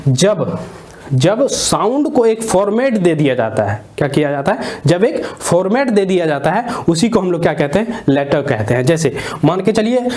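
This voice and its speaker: High-voiced male teacher, quizzing the class. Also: a little mellow. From India. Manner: repeats himself and asks the class questions, then answers them. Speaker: English teacher. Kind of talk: classroom lecture. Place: classroom, standing.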